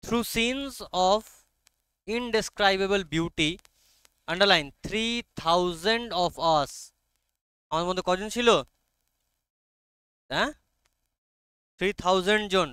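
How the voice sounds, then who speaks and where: A man's voice: a little high, pushed and bright, clear, resonant tone, no echo. A man teaching an online class with a Bengali accent, explaining an English text line by line and often checking whether students follow. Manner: coaxing, repeatedly checks understanding, reads English lines very slowly.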